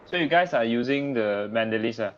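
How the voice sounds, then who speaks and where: A man's voice: mid-range voice, lively intonation, brisk. A young man with a Malaysian accent leading a casual group discussion, tentative, tagging phrases with lah and ah. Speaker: student discussion leader. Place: online group call. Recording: dull lo-fi online call audio.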